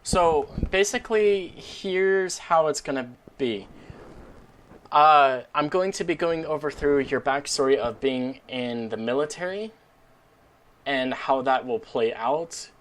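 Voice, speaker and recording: A man's voice: on the high side, slow pace. A man as game master, casually explaining plans after a tabletop session, step by step and friendly.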